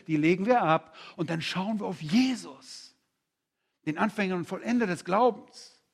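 A man preaching a conference sermon, animated and direct, firing rhetorical questions at the crowd and acting out quoted voices. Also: fairly high pitch, vocal fry, slightly rough.

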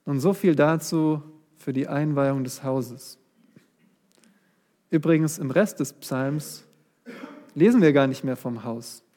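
A man's voice: on the high side, slow pace, pauses often, mellow. A man preaching a sermon and reading a psalm aloud, speaking straight to his congregation and lifting his voice on key words. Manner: addresses the congregation directly, rising voice on key words.

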